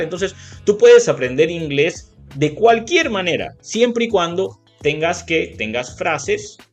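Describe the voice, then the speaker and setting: A man with a Latin American Spanish accent teaching a video lesson, explaining step by step and checking in often with the viewer. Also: medium pitch. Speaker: English teacher.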